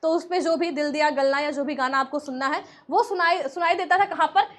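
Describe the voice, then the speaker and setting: High-voiced chatty woman teacher. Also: a little fast, a bit bright. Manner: chatty, encouraging, repeats "ठीक है" often. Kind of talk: live online exam-prep science class.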